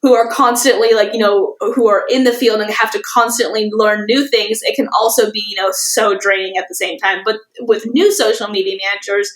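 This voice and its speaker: A woman's voice: mid-range voice, fairly even intonation, fairly quick, hardly any pauses, reverberant. A woman guest on a podcast, a social media manager chatting casually, rambling with lots of fillers and laughing easily.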